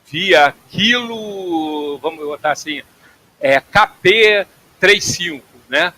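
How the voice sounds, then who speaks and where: A man leads an online lesson on aviation radio phraseology, pausing often to check that his listeners follow. His voice is bright and fairly high, with a gravelly rasp. A faint hiss sits under the recording. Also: poor audio. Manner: explains patiently, checks in with "tá?" and "ok?". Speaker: flight phraseology instructor. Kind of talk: online class lecture.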